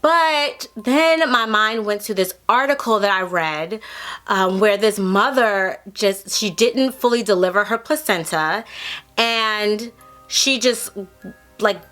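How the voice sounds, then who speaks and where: A woman's voice: mid-range voice, slow, a bit bright, soft background music. A woman in her thirties earnestly telling her own birth story in a casual vlog, acting out the voices of people she quotes.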